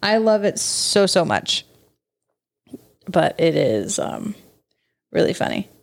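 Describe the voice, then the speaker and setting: Gravelly playful woman. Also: lowish voice, very animated. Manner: playful, joking, quick to laugh. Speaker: podcast co-host. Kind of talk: casual chat.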